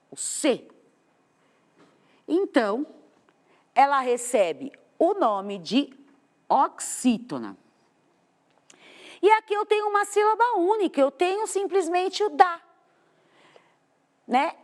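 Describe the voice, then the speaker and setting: A Brazilian Portuguese-accented woman teaching a class from a TV studio, explaining step by step and asking the students questions. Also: high-pitched. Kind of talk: televised classroom lesson. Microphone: studio microphone.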